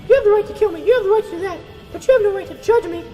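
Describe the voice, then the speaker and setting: A man voicing a mad, brooding cartoon mouse warlord in a squeaky falsetto, as a solemn monologue in a radio drama parody. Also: very fast, dark tone, faint music behind. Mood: brooding, grandiose. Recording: long echoing reverb.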